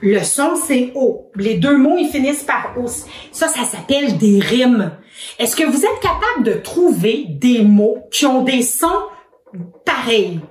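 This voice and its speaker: A woman with a Québécois accent gives a lesson to young children. She is patient and encouraging, with an unhurried pace and a rather high voice that moves a lot. The room sounds roomy and echoing. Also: big pitch swings, distant mic. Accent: Québécois French. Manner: patient, encouraging, asks many questions. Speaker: children's educator.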